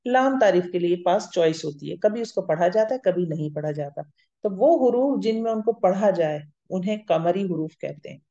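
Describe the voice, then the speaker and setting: A woman with a warm, mellow, medium-pitched voice gives a classroom grammar lecture, patiently explaining step by step and often pausing to make sure everyone follows. The recording is roomy, slightly muffled and lo-fi.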